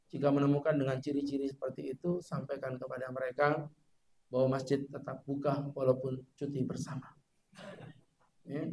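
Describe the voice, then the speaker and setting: A man preaching a mosque sermon in a lively, joking way, chanting short recitation examples. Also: medium pitch, a little hiss or hum.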